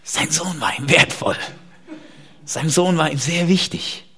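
A man preaching a sermon to his congregation, dropping to hushed whispers and rising to loud emphatic peaks. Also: on the high side, a little slow. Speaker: pastor.

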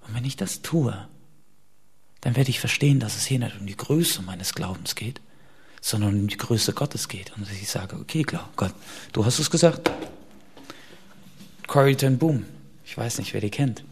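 A man preaching a sermon to his congregation, dropping to hushed whispers and rising to loud emphatic peaks. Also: on the low side, moderate pace, husky. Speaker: pastor.

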